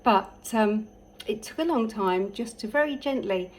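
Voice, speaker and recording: A woman's voice: mid-range voice, animated, a little slow, low-quality recording. A middle-aged woman, a parent telling stories and giving advice in a casual, chatty way with frequent ums and small laughs. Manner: warm storytelling, laughs often, many ums. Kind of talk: casual talking-to-camera advice.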